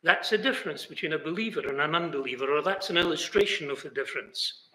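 An older British man talks fast in a fairly high, pushed and bright voice while preaching an earnest sermon that now and then peaks in exclamations. He is recorded indoors in an echoey chapel hall by a fixed camera in a seated mid shot.

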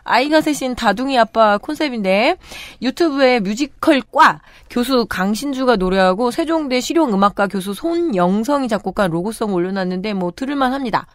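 A woman with a slightly high voice reads out profiles in a brisk, matter-of-fact manner. The studio sound is dry and close. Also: animated, no room sound. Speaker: co-host presenting candidate profiles. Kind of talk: briefing-style chat.

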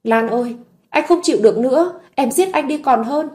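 A woman's voice: sits high, brisk, a little mellow, pitched above the performer's own voice, close to an everyday voice. A woman doing a desperate pleading husband. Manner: whimpering, begging.

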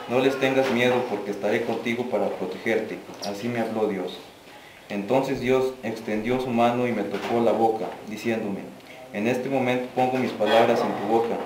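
A Mexican man reading scripture aloud at a mass in a church, with small stumbles and restarts. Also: mid-range voice. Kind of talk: liturgical reading. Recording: echoey church, noticeable noise.

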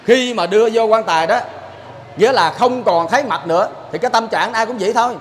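A Southern Vietnamese man delivers a sermon in a high-pitched voice, folksy and full of stories. He keeps turning to his listeners with quick rhetorical questions. A faint background noise sits under his voice. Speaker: Buddhist lay preacher. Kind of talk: sermon with storytelling.

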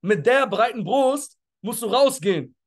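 Pushy high-voiced man coaching a call. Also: a little slow. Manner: energetic, pushy, slangy, mixes in English words. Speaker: network marketing mentor. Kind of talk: coaching talk on a video call. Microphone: video call.

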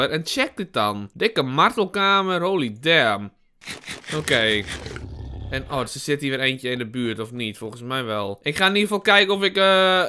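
A man's voice: on the high side, bright, forceful tone, clean tone. A young man giving let's play commentary on a horror game, jumpy and swearing, yelping at scares and laughing nervously. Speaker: gaming YouTuber.

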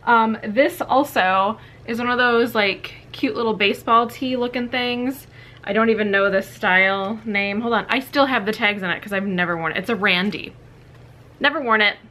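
In a fairly high, bright and forceful voice at a moderate pace, a young woman chats to a camera on a tripod a few feet away in her small walk-in closet. The casual clean-out vlog is candid and filler-heavy, full of "like" and "you know."

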